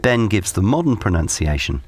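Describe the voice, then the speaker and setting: A male narrator reads a documentary script. His voice is fairly low, with lively rises and falls. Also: normal speed.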